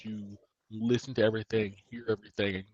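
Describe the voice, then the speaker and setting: A man's voice: fairly low pitch, level tone, fast, darkish tone, no room sound, lo-fi sound. A man co-hosting a podcast, talking casually and rambling, often restarting his sentences. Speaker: podcast co-host. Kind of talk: casual chat.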